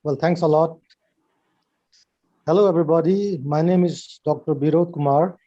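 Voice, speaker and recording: Nepali man, high mellow voice, formal measured speaker, dull dry call audio. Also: steady tone, no room sound. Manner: measured, formal, starts phrases with "well". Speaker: guest speaker. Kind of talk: prepared talk on a video call. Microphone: video call.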